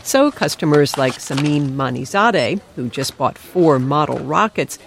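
A woman's voice: low voice, lively intonation, measured pace, creaky. A woman narrating a scripted news feature as a radio reporter.

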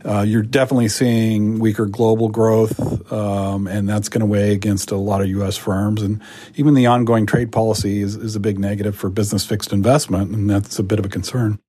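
A man gives analyst commentary in an interview. His voice is flat and mellow, a little low, with a very dry sound. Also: brisk, breathy edge, no room sound. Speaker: economic analyst.

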